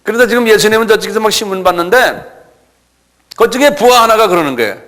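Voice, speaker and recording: Male preacher, fairly high voice, animated storyteller, church-hall reverb. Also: fast. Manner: animated storytelling with rhetorical asides. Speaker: pastor. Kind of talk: expository sermon.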